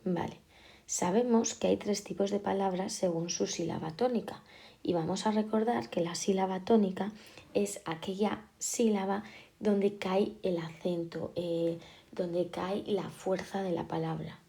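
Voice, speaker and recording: A woman teacher, patiently explaining a lesson and repeating key words slowly. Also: mid-range voice, steady tone, gravelly, mellow. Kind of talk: classroom explanation.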